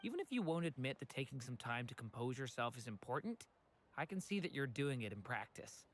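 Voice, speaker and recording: An actor voicing a gentle, considerate and perceptive young companion in a video game, speaking earnestly. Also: medium pitch, big pitch swings, fairly quick. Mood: gently knowing. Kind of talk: video game character dialogue.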